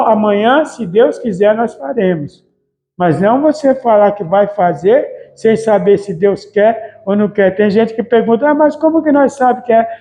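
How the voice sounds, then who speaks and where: A man's voice: sits high, mellow, poor audio. A man preaching a casual, colloquial sermon as a pastor, chatting and acting out everyday speech. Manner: colloquial, chatty, mimics family members' voices. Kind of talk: informal sermon.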